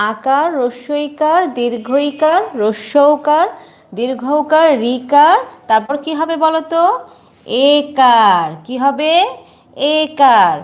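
A woman teacher giving a dictation lesson to young children, spelling words out slowly and often quizzing the class. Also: high voice. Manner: slow, drawn-out spelling with frequent questions to the class. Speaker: nursery teacher.

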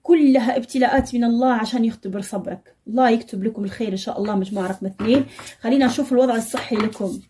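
A woman's voice: a little high, rapid-fire, mellow, slight background noise. A woman giving a tarot reading to her viewers, addressing them directly and scolding them with blunt advice. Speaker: tarot reader. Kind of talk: fortune-reading monologue to viewers.

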